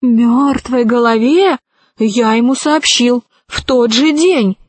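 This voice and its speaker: A woman's voice: on the high side, takes it slowly, no echo. A woman reading the lines of an earnest, devoted male archaeologist in a storybook.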